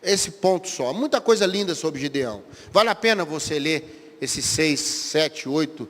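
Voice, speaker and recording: A man with a Brazilian Portuguese accent preaching a sermon as a pastor, acting out prayers and replies with big swings in loudness. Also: a little high, expressive, measured pace, in a large hall.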